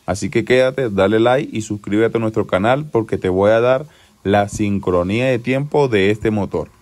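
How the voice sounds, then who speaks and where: A man's voice: on the low side, moderate pace, darkish tone. A man hosting a car repair channel, methodically explaining an engine timing job and repeating the key steps, sometimes correcting himself mid-sentence. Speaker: car mechanic, channel host. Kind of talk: instructional how-to narration.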